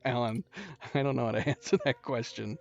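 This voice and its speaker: An American gaming streamer with a creaky, medium-pitched voice talks at normal speed with fairly even intonation, the highs cut off in the audio. He chats casually with viewers and laughs often while playing, game music running underneath.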